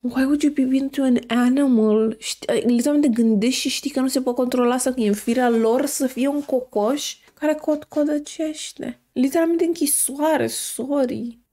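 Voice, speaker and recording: A woman streamer reading viewer stories aloud with expressive, indignant commentary and stray English phrases. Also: high voice, few pauses. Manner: expressive, reacts with outrage and humor, mixes in English phrases.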